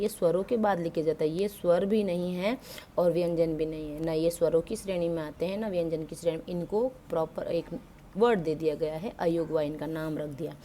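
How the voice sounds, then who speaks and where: A woman's voice: lowish voice, warm tone, slight background noise. A woman teaching grammar to school students, explaining step by step, asking questions and answering them herself, and mixing English words into her speech. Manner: mixes English words into Hindi.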